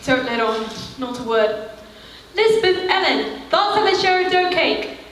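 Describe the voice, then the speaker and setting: Brief: woman as motherly Yorkshire countrywoman, high voice, echoey theater from afar. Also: lively intonation, measured pace, slight background noise. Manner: warm, motherly dialect. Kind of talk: live stage acting. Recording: echoey theater, mic far off.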